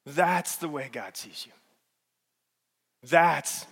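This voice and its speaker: A man with a high voice preaches a sermon in a large church auditorium, his words trailing off into a long hall reverb. He swings from loud, emphatic peaks down to soft, low passages. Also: expressive, drawn-out words, vocal fry. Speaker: pastor.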